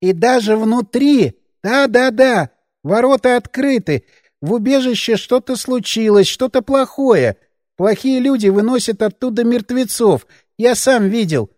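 A man voicing a timid, frightened, childlike grown man who talks about himself in the third person, pleading in a high whiny voice. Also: expressive, unhurried, no echo, clean studio sound. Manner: frantic pleading, hushed hissing, high and whiny. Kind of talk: audiobook character voice.

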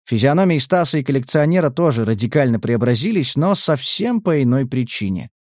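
Brief: male audiobook narrator, mid-pitched, steady, dry studio sound. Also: fairly quick, no room sound. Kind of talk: scripted narration.

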